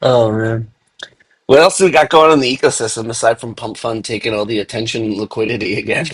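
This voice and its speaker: A man's voice: medium pitch, fairly even intonation, quick pace, husky. A young man hosting a casual crypto chat, laid-back and filling his talk with "dude" and "like". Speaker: podcast host.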